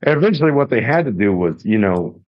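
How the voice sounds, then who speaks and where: A man's voice: on the low side, very animated, quick pace. A middle-aged man hosting a podcast, rambling through army anecdotes and swearing constantly. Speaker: podcast host. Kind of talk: casual profane storytelling. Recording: dull lo-fi audio.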